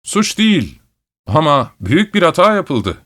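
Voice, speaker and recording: A man voicing a clever, dry-witted male detective who speaks briskly and wryly. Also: a little high, very animated, a bit bright, voice pushed up.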